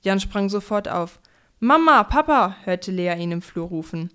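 Clear-voiced woman reading a story. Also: on the low side, level tone, moderate pace.

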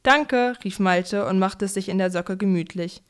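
Clear-voiced woman reading a story. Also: mid-range voice, level tone, moderate pace.

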